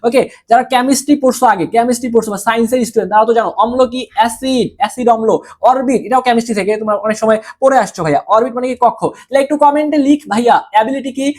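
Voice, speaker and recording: A young Bangladeshi-accented tutor rattles through an exam-prep lesson at a brisk clip. The teacher fires each word as a question, answers it, and repeats it for memorizing. The voice sits at an ordinary middle pitch and keeps a familiar, coaxing tone with the students. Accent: Bangladeshi Bengali. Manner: scolds and urges students in a familiar tone. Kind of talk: recorded video class.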